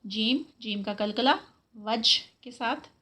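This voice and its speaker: A woman with a bright, clear, fairly high voice leads a slow recitation lesson. She draws each word out, often says it twice, and explains the rules in Urdu sprinkled with English terms. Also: fairly even intonation. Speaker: Quran recitation teacher.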